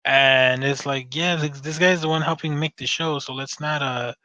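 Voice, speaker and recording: A man's voice: medium pitch, fairly even intonation, normal speed, pushed and bright, dry recording. A man co-hosting a casual fan podcast, talking in a rambling way with many restarts and frequent swearing. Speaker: podcast co-host. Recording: dull dry lo-fi sound.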